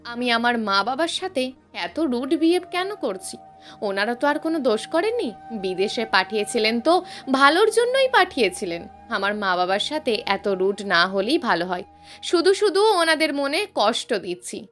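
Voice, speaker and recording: A woman's voice: a little high, big pitch swings, moderate pace, fairly bright tone, soft background music. A woman voicing an angry, curt young man who has come back from abroad. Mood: regretful. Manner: bitter and curt.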